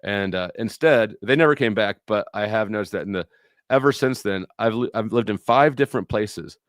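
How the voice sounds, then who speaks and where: With a lowish voice and a brisk pace, a middle-aged livestream host chats casually with his viewers. The studio-quality audio has no room sound, and he's rambling, blunt and profane as he tells his stories.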